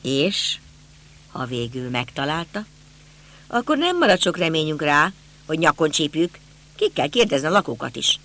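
A man voicing a calm, authoritative middle-aged police inspector. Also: a little high, full character voice. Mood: instructing. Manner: measured, authoritative.

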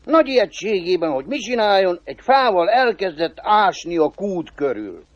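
Man telling an old folk tale, fairly high voice, dull dry recording. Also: no room sound. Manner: lively, shifting pace and pitch. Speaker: storyteller.

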